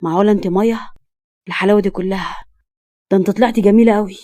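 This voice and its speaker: A woman's voice: mid-range voice, fairly even intonation, rapid-fire, mellow, close to an everyday voice. A woman voicing a brash, drunken young man with an Egyptian accent and a sly drawl. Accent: Egyptian Arabic.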